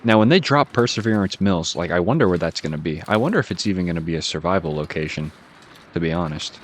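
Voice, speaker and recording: A man with a Boston accent giving relaxed, casual commentary as he plays a game, musing aloud and chuckling at himself. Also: deep voice, fast talker, a little hiss or hum. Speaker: gaming channel host.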